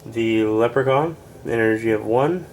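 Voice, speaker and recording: A congested man reviewing a board game, reading card text aloud in a plain, unhurried way with casual asides and fillers. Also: on the low side, darkish tone, a little hiss or hum. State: congested, short of breath.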